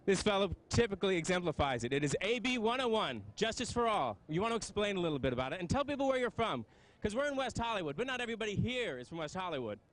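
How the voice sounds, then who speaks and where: A man's voice: high voice, sing-song, fast talker. An American man working as a field reporter, doing live on-the-street parade interviews. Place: outdoors among a parade crowd. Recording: outdoor crowd ambience, faint noise.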